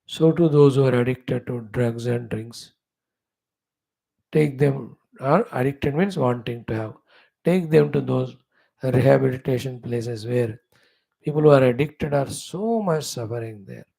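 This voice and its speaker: Gravelly North Indian man giving scripture discourse. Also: mid-range voice, warm tone, low-quality recording. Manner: explanatory, halting phrases, checks with "isn't it", slips into Hindi. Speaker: spiritual teacher. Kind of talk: scripture discourse, informal teaching.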